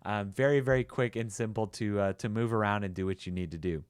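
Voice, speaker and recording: Relaxed man demoing gear, dry close sound. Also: on the low side, brisk, clear, resonant tone, no echo. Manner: relaxed, upbeat, with frequent "uh" and repeats. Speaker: tech reviewer. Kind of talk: casual product demo.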